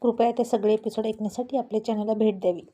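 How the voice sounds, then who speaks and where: A woman storyteller narrating a serialized tale in a calm, measured manner. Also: fairly high pitch.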